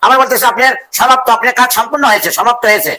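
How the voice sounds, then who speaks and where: A male teacher leading a classroom drill, calling out phrases in a slow sing-song and having the class repeat them. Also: extremely high pitch. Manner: slow sing-song drilling, stretched words and loud cues. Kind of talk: call-and-response classroom drill.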